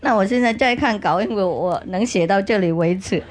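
Woman, spiritual teacher, storytelling for kids, humorous, animated, chatty asides, mid pitch. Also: fairly quick, noisy background. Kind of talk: storytelling to children.

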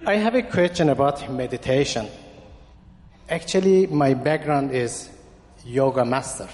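Guy from iran asking a question, halting english, long hall reverb. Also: mid-range voice, darkish tone. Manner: hesitant, simple phrasing, halting. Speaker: audience member asking a question.

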